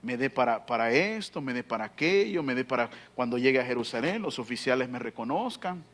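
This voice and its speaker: A man voicing the humble cupbearer Nehemiah in a sermon, speaking in a quiet, sorrowful, pleading way. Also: medium pitch, expressive, fairly quick, pitched below the performer's own voice, close to an everyday voice.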